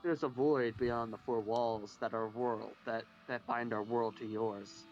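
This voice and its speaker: A man voicing a cryptic computer entity in a video game that hints at secrets in a low, measured, knowing way. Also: steady tone, muffled recording, faint music behind, close to an everyday voice.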